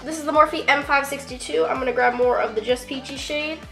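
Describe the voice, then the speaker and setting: Over background music, a young beauty vlogger with a stuffy, cold-clogged voice chats her way through a makeup tutorial. Her voice sits high and moves a little fast, and she leans heavily on fillers, tossing in a curse word now and then.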